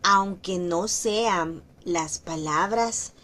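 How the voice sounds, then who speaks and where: A woman teaching an online language class, slow and patient, repeating words again and again to model how they sound. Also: lowish voice, a bit bright. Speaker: French teacher.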